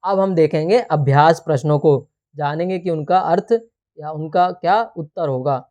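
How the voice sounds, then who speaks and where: A man's voice: on the high side, darkish tone. A man teaching a textbook lesson, explaining words one by one and checking in often with "theek hai". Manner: explains terms slowly word by word.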